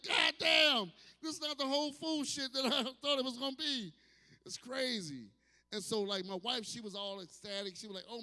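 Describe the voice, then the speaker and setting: Brash high-voiced comedy host. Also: male voice. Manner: loud, hyped crowd work with profanity. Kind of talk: stand-up comedy. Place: comedy show at a distillery. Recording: live venue with long hall reverb.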